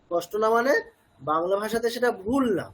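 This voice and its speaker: A man with a Bengali accent teaches a pronunciation class, talking it through step by step and often turning questions back to his listeners. His voice sits high for a man and has a breathy, husky edge. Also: expressive, a bit bright, rough recording. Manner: explains slowly, asks the class questions, mixes in English words. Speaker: Sanskrit chanting teacher. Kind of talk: classroom lecture.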